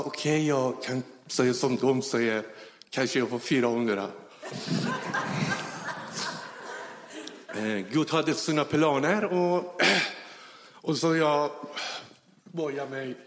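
A man's voice: medium pitch, long pauses. Man giving testimony in a reverberant hall. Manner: animated storytelling, acts out dialogue. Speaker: testimony speaker. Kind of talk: personal conversion testimony.

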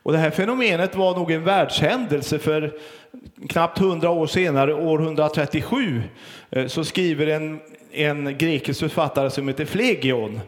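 Swedish-speaking pastor man in reverberant hall. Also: fairly high pitch. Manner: earnest, storytelling with pauses and fillers. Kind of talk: sermon.

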